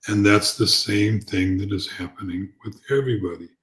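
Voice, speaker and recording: Calm, gentle man with a low voice. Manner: halting, repeats words as he goes. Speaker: spiritual teacher. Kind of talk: unscripted spiritual talk.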